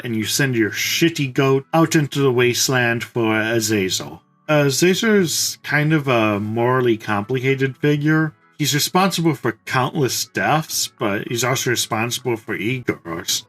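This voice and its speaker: A young man giving casual let's-play commentary over faint game music. His voice sits at an average pitch, and he slips in dry, irreverent jokes as he explains things. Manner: jokey, irreverent, deadpan asides.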